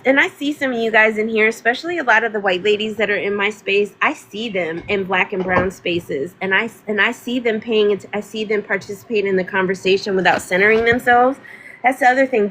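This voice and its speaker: A woman's voice: mid-range voice, a little fast, fairly bright tone, slight background noise. Woman, casual livestream host, emphatic, mid-range voice. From North Carolina, US. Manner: emphatic, repeats words for stress.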